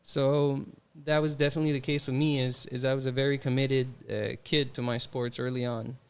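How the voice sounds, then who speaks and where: A man's voice: medium pitch, flat delivery, fairly quick, clear, resonant tone. A French Canadian man with a Quebec accent, a hockey player answering interview questions in a thoughtful way. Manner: thoughtful, many restarts and fillers.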